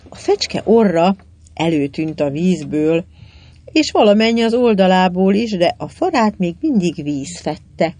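An audiobook narrator reading a children's adventure novel in an even storytelling manner. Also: medium pitch. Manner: even storytelling, lively in dialogue.

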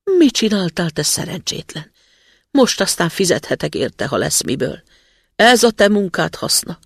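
Grouchy old woodcutter, raised gravelly voice, lively scolding, read by a man. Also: mid-range voice, no room sound, studio quality, heavily acted. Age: older.

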